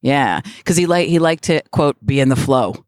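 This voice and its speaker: A woman interview guest, an author and speaker, chatting in a lively, laughing way, recorded outdoors in a park. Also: extremely low pitch, normal speed, dry recording, studio quality. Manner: lively, laughing, animated storytelling. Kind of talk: casual chat.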